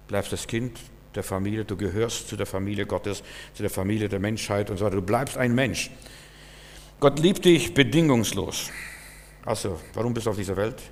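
A man preaching a sermon in German, earnest and repetitive, speaking straight to the listener. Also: fairly low pitch. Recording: long reverb, hall.

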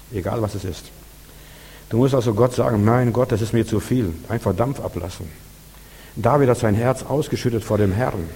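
Male preacher, earnest and repetitive, low dark voice, long hall reverb, faint hum. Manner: earnest, repetitive, addresses listeners directly. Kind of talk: sermon.

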